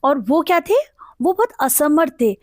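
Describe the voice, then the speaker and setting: A woman with an Indian accent teaching vocabulary online. She explains each word in Hindi and reads the English examples slowly. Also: sits high, animated, no echo, clean studio sound.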